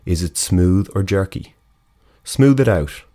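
A man leading a guided breathing exercise, talking in a slow, calm, measured way and counting breaths aloud. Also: sits low. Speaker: breathing instructor.

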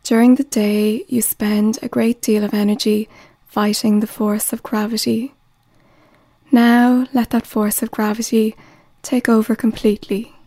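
A woman reading a guided relaxation script in a slow, soothing voice that often drops to a whisper. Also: fairly high pitch, flat delivery, mellow, no room sound.

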